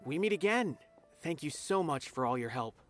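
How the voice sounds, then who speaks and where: Voicing a friendly young academy officer in a game, an actor sounds earnest and polite as he shares news, using a fairly high, expressive, natural voice at normal speed. The game audio carries loud music behind him.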